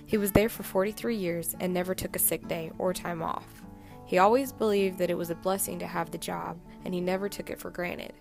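A woman's voice: lowish voice, creaky. A young woman reading a scripted, fond narration about her grandfather.

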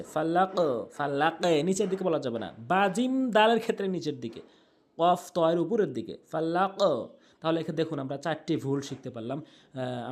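Bangladeshi guy teaching quran pronunciation, kinda high voice, spells out letters slow and chants the words back. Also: a little mellow. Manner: spells letters and vowel marks slowly, then repeats words in drawn-out recitation. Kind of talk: explaining Arabic pronunciation rules.

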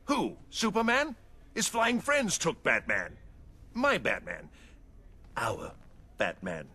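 An actor playing a gleefully menacing, theatrical clown supervillain in a video game, mocking and prone to bursting into shouts. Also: male voice, fairly high pitch, huge pitch swings, slow pace, slightly rough, heavily acted. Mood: playful mockery. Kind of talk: video game cutscene acting.

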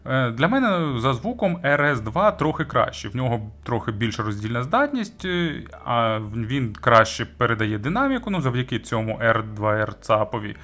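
Hosting a semi-scripted review of audio gear, a man explains things casually, his medium-pitched, fairly bright voice swinging widely in pitch. He keeps a moderate pace with few pauses.

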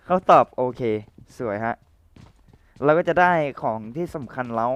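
A young man casually commentating his own game match, playful and chatty with viewers and teammates, his voice a little rough from the cold. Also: mid-range voice, expressive, measured pace, fairly bright tone, no echo.

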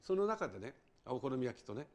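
An older man from Hiroshima, a documentary writer and guest, tells stories in a lively interview and acts out dialect speech. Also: medium pitch, fast. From Hiroshima, Japan. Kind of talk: animated interview storytelling.

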